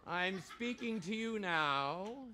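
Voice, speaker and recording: A man working as a stage hypnotist in a live show, giving deliberate, commanding countdowns and repeated suggestions. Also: high-pitched, noisy background. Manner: shouts excited commands to start the action.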